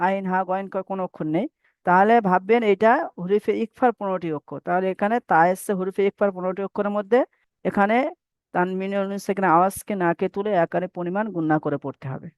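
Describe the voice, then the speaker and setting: In this online tajweed class, a man patiently and repetitively teaches Quran recitation rules, asking students to repeat after him. His high voice moves fast with fairly even intonation and a clean tone, and the dull lo-fi mic captures it dry, with no echo.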